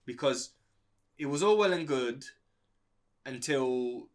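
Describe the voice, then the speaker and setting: A man's voice: medium pitch, lively intonation, takes it slowly. A man co-hosting an advice podcast, giving blunt, opinionated takes in casual chat. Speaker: podcast co-host.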